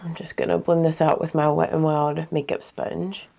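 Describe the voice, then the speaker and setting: Her voice is deep and mellow with vocal fry, delivered flatly at an ordinary pace. As a beauty vlogger doing her makeup, she chats casually, sounding a little congested and nasal and leaning heavily on filler words.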